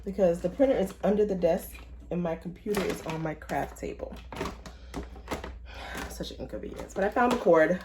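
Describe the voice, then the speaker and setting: A woman's voice: lowish voice, normal speed, pauses often, background noise. A woman making a casual crafting vlog at home, talking to herself and her viewers as she works. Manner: chatty, talks to herself and viewers while working. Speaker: crafter making custom shirts.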